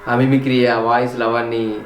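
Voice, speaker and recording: A man's voice: medium pitch, level tone, fairly quick, reverberant, faint music behind. A man with a Telangana Telugu accent, a vlogger telling his family's story in a heartfelt, reflective way, repeating words for emphasis. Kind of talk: personal storytelling on a home tour.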